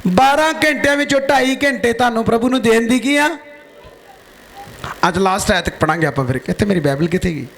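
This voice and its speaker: A man's voice: very high-pitched, lively intonation, brisk, creaky, a bit bright, slight background noise. A man preaching a fiery sermon, firing questions at his congregation. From Punjab, India. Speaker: pastor.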